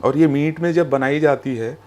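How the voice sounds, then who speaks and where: A man who founded a food business, explaining its history in a calm, storytelling way and mixing English phrases into his talk. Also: fairly high pitch, normal speed. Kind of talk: business interview.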